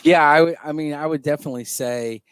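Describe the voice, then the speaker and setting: A man's voice: a little high, fast talker, dry recording. A man, a former admissions director, chatting casually and telling stories with easy fillers. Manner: relaxed storytelling with fillers, clears throat. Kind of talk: casual chat.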